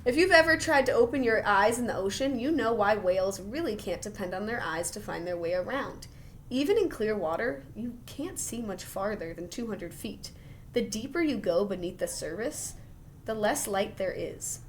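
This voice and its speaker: Reading a children's science book aloud the way a teacher would, a woman lets her mid-pitched voice rise and fall in a lively way at a moderate pace. She adds exclamations of wonder and chatty, encouraging asides for the kids, with faint noise behind her.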